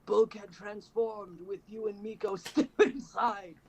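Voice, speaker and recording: A man's voice: high-pitched, steady tone, a little slow, creaky, darkish tone, a little hiss or hum, poor audio. A man co-hosting a comedy show, reading fan fiction aloud with wry, swearing asides. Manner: wry, swears casually, adds sarcastic asides.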